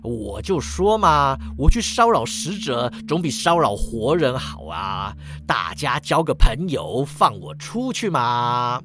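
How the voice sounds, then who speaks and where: A man's voice: medium pitch, very animated, takes it slowly, hardly any pauses, sharp tone, exaggerated voice. A man voicing a cheeky old male skeleton necromancer who wheedles and argues, in a storybook reading. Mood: whiny. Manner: wheedling, self-pitying, argumentative.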